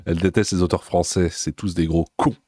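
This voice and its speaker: A man with a very low voice comments casually from the side. He is slangy and sarcastic, teasing the people he talks about. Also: steady tone, brisk, a crowd in the background. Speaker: mocking side commentator of a prank video.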